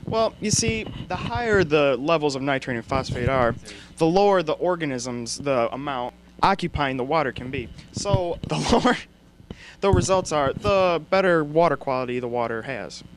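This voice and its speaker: A man's voice: a little high, expressive. Brief: teen boy, careful read-out of numbers, light noise underneath. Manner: slow, careful reading. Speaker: student guest expert. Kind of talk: reading results in a school skit.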